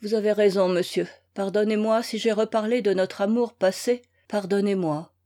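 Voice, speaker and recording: A woman's voice: mid-range voice, steady tone, normal speed, mellow, lightly acted. A woman reading a novel aloud and voicing a young widow who begs her former love to hear her out, imploring and emotional. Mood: pleading. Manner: imploring, breathless emotional pleas. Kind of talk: read-aloud novel, acted dialogue.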